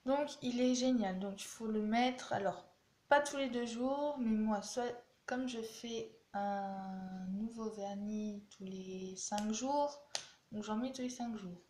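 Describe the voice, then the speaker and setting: A woman's voice: a little high, slow pace, darkish tone. A young woman vlogger chatting bluntly and animatedly through a casual beauty product review. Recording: echoey room with faint noise.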